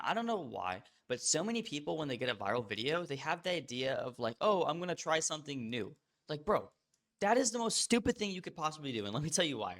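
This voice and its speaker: A man's voice: on the high side, fairly bright tone. A young man giving blunt, slangy advice straight to camera as a social media coach. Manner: blunt, fast-talking, hustle-driven with casual slang. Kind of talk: direct-to-camera advice monologue.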